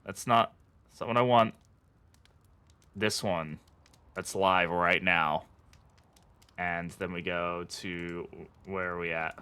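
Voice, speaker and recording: This streamer speaks in a low, smooth, sharp-toned voice with fairly even intonation, going slowly and pausing often. Born in England but raised in the US, he has an American accent and jokes and mutters to himself while chatting with his live game audience.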